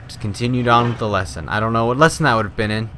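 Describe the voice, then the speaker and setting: A young man commenting casually on a horror game as he plays, rambling and shouting during fights. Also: medium pitch, rapid-fire, slight background noise. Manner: rambling, excitable, yells at fights. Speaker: gaming YouTuber. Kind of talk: let's play commentary.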